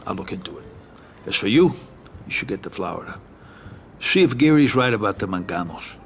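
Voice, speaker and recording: In a game cutscene, a male actor with a lowish voice plays a level-headed, middle-aged mob lawyer and advisor. He speaks calmly and in a measured way, with slight background noise.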